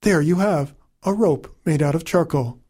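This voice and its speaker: Old mother voiced by a man, high-pitched, amused, matter-of-fact, storybook folktale. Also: normal speed, darkish tone, slightly rough. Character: kindly old mother, playful and wise.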